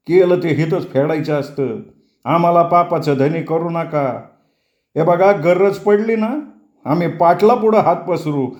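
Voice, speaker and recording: A man voicing a stubborn village farmer who talks slowly and emphatically in rural dialect. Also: high voice, darkish tone, roomy sound, muffled recording, voice pushed up.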